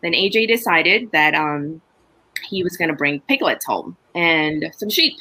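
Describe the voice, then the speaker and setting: A middle-aged Honduran farmer, appearing as a podcast guest, chats casually about her farm in a low-pitched voice at a measured pace. She tells her stories in a chatty, animated way, laughing as she goes.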